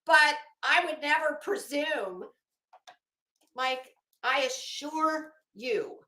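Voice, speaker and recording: Hosting an online commentary show, a middle-aged woman speaks extremely slowly in a high, bright, forceful voice with lively intonation. She's casually opinionated, sassy and sarcastic, elongating words for dramatic emphasis. The audio is roomy and echoey.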